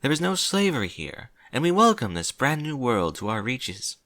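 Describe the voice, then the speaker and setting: A man voicing a regal, earnest female pony princess in a formal, measured, gentle way for a story reading. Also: medium pitch, big pitch swings, dry recording, pitched above the performer's own voice. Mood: stately.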